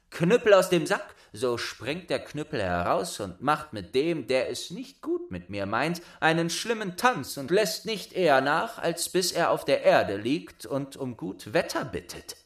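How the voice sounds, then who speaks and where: A man's voice: medium pitch, a bit bright, voice pushed up. A man doing a bold, boastful young craftsman.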